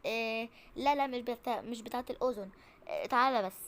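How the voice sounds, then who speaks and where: A woman's voice: fairly high pitch, fast, lightly acted. A woman with an Egyptian accent voicing a flustered young female doctor in a game role-play, mock-serious and playful.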